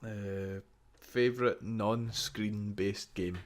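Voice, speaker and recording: Sweary Scottish man, low voice. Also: steady tone, extremely slow, slight background noise. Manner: sweary, blunt banter. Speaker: podcast co-host. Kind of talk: casual gaming podcast chat.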